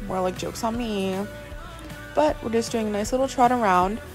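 A young adult woman who vlogs about horses narrates her riding in voiceover, chatty and self-deprecating, with faint music behind her. Her voice is a little high and moderately paced, and the footage is set in an indoor riding arena and barn, with some outdoor scenes.

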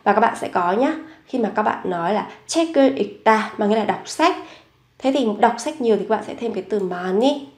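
A woman teaching a grammar lesson, explaining example sentences slowly and carefully and reading model sentences aloud more quickly. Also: on the high side, animated, a little mellow, reverberant. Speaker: Korean language teacher.

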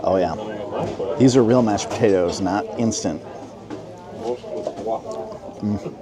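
A man in his forties speaks slowly in a fairly low voice amid crowd noise, filming a casual vlog on a handheld phone at arm's length. The travel and food vlogger stays upbeat and chatty, telling viewers what he sees outside a restaurant at night and then in a diner.

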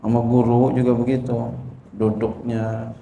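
A man's voice: medium pitch, completely flat delivery, unhurried, mellow, lo-fi sound. A man teaching a religious lesson, repeating questions to his listeners and answering them himself. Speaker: Islamic teacher. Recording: echoey room with faint noise.

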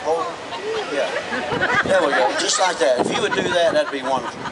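A man gives casual between-song patter as an [name] tribute act. His voice sits a little high for a man. It comes through a live outdoor stage PA, picked up from the audience. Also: very animated, moderate pace, gravelly, distant mic, a loud crowd, very noisy. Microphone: handheld stage microphone.

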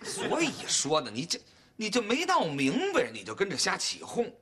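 A man's voice: sits high, huge pitch swings, normal speed, pushed and bright, breathy edge, exaggerated voice. An actor playing a meek older husband who patiently explains and pleads with his wife. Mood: explaining. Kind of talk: TV sitcom acting. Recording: TV drama with background music. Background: background music.

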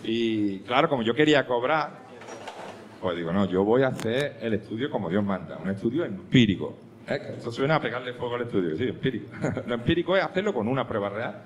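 A man performing a stand-up comedy monologue, telling a story, dropping to hushed asides and rising to loud punchlines. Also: medium pitch, expressive, a little fast, a little hiss or hum. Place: comedy club stage with audience. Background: audience laughter.

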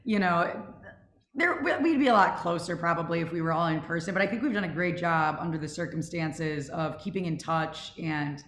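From home on a group video call, a young adult woman casually hosts her student audio drama club's question-and-answer session. Her lowish, fairly bright voice keeps a moderate pace, and the video call mic reveals an echoey room.

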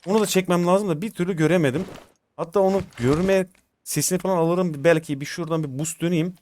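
Young male gamer, high voice, casual slangy live commentary for viewers, slight background noise. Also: fast, a little mellow. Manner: informal, slangy, addresses viewers as friends. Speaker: gaming video host.

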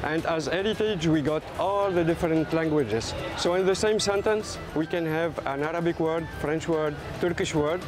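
A man's voice: fairly high pitch, normal speed, few pauses, over music. A man in his forties with a Tunisian accent, answering in an interview as a startup co-founder.

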